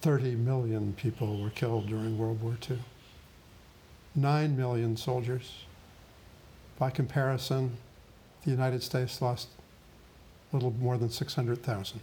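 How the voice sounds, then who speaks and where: Slow, solemn male preacher. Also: medium pitch, fairly even intonation, dark tone, slight background noise. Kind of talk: sermon.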